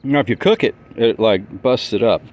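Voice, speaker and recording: A man's voice: mid-range voice, brisk, darkish tone. A middle-aged man giving a rambling, easygoing garden tour outdoors, thinking aloud as he goes. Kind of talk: casual walk-and-talk.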